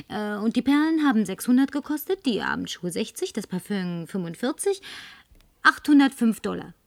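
For a German film dub, a woman with a fairly high voice and lively intonation plays a tipsy, lonely, flirtatious woman from an advertising agency. Her coaxing at a moderate pace is breathy and whispery, turning demanding at times, and the recording is dry.

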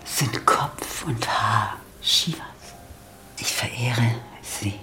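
Very low, slow whispering woman. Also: pushed and bright, husky. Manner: slow, whispered ritual phrases. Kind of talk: ritual speech.

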